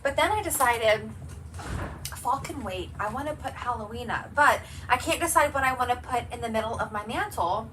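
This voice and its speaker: Woman, craft livestream host, bubbly, enthusiastic, slightly high voice, distant mic, faint background noise. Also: brisk, few pauses, sharp tone. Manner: bubbly and enthusiastic, chatty with viewers. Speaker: craft demonstrator hosting a livestream. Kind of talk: upbeat livestream sales chat. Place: home, at her craft table.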